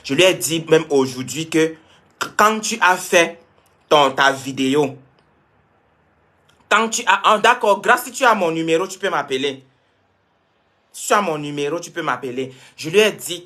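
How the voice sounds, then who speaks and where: A man's voice: on the high side, expressive, normal speed, long pauses, sharp tone. A young man from Cameroon, talking to his viewers on a live stream, answering comments and repeating points for emphasis. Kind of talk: casual live-stream talk.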